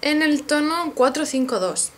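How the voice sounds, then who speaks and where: A woman's voice: sits high, measured pace, a little hiss or hum. A woman with a Spain Spanish accent, a beauty vlogger showing off makeup in a casual haul video, gushing and talking straight to her viewers. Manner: gushing, excitable, addresses viewers directly.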